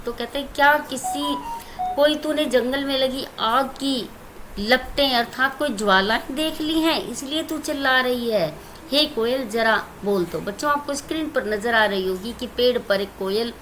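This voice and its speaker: A woman's voice: on the high side, fairly bright tone, a little hiss or hum, rough recording. Indian woman teacher explaining a poem. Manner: recites verse lines, then explains them plainly to students. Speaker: Hindi teacher.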